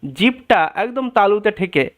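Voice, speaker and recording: A man teaching phonics in Bengali, drilling letter sounds slowly and repeating them for learners to copy. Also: high voice, lively intonation, fairly bright tone. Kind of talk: online phonics lesson.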